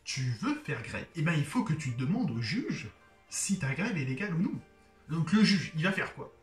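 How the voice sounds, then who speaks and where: A man's voice: fairly high pitch, big pitch swings, normal speed, soft background music. Casual French man, roomy distant sound. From France. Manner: slangy, joking, full of fillers. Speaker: YouTuber explaining Korean society. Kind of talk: casual explainer vlog.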